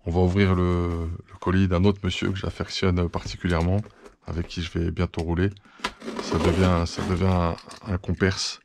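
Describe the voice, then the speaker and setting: A man's voice: low voice, gravelly, noisy background. A man hosting a hobby channel, chatting through an unboxing, thankful and full of fillers and restarts. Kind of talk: casual unboxing chat.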